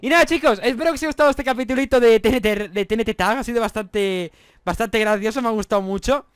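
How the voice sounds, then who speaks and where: A man's voice: extremely high pitch, quick pace, smooth, no room sound, studio quality. A young man with an accent from Spain, commentating his gameplay in a rowdy, swearing, mock-apologetic way. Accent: Spanish from Spain. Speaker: gaming YouTuber.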